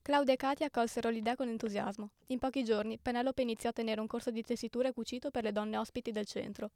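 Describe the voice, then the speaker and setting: A woman narrates a story at a quick clip. Her voice is fairly high, and the recording is dry with no room sound. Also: steady tone, darkish tone, no room sound.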